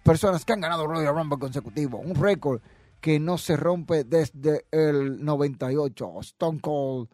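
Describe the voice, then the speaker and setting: Fairly high-voiced man, brash podcast wrestling pundit, dry close sound. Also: measured pace, a little mellow, dry recording. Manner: brash, mocking, reads viewer comments aloud. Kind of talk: casual opinionated commentary.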